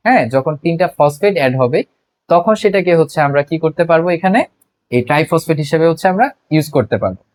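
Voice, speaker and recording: Fast-talking male tutor, dry sound. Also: on the high side, no echo. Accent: Bangladeshi Bengali. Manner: explains step by step, asks and answers his own questions; constant filler words, frequent restarts. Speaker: biology tutor. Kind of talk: classroom lecture.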